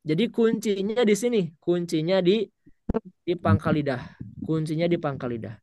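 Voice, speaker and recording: A man leads an online Quran recitation class, stretching syllables slowly for students to copy. His voice sits high, and the sound is dry and close with no room around it. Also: dry recording. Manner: drawn-out demonstration of syllables, patient drilling. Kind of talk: online tajwid lesson.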